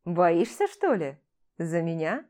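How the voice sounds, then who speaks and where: A woman's voice: fairly low pitch, big pitch swings, takes it slowly, a little mellow. Woman reading a cocky, teasing young man. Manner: playful, provocative banter. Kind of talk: audiobook character reading.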